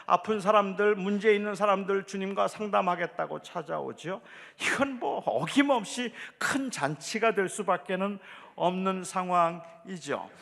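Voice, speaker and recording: A male pastor preaches a sermon in a church, telling the story vividly and acting out the voices. His voice sits high, gravelly and fairly bright, and the recording carries the echo of the church hall.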